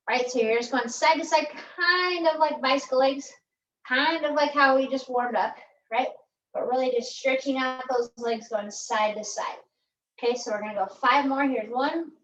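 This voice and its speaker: A woman's voice: fairly high pitch, roomy sound, distant mic, muffled recording, slight background noise. A woman leading a pilates core workout, chatty and upbeat, counting reps aloud while she exercises and often asking "right?". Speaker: pilates instructor. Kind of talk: workout instruction.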